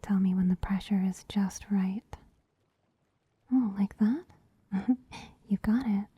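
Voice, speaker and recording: A breathy, almost voiceless whisper from a woman as a soft-pawed bunny spa attendant, unhurried and teasing. The sound is dry and close, with a slightly dull, muffled top end, as in an intimate ASMR recording. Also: mid-range voice, dry recording. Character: gentle soothing female bunny spa attendant. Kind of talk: ASMR roleplay. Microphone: close mic.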